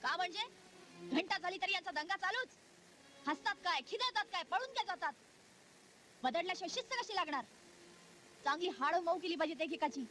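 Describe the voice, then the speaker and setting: An actress playing a strict schoolteacher who scolds and threatens children in sharp shouts. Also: female voice, extremely high pitch, animated, a little fast, pauses often, exaggerated voice. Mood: indignant. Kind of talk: 1990s film acting.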